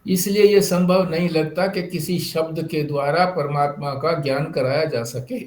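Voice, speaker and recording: A man's voice: fairly high pitch, steady tone, reverberant, a little hiss or hum. A man teaching a spiritual discourse, explaining step by step with rhetorical questions. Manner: explanatory, rhetorical questions, slow deliberate phrasing.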